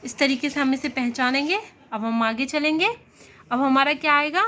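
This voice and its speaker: A woman teaching Hindi grammar for exams, asking questions and answering them herself, and sounding out vowels slowly. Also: high voice, fairly even intonation, sharp tone. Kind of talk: exam-prep lesson.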